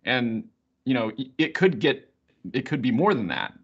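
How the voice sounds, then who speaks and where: A man, a software company guest, explaining how a product works in a hesitant, explanatory way with many restarts. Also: medium pitch, expressive, normal speed, slightly rough. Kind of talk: conversational technical explanation. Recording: muffled video call audio.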